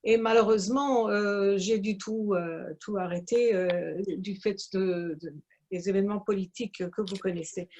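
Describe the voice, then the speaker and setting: A woman of Franco-Belgian and Iranian origin, a business owner, speaking haltingly in an online meeting with many fillers. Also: medium pitch, fairly even intonation, darkish tone.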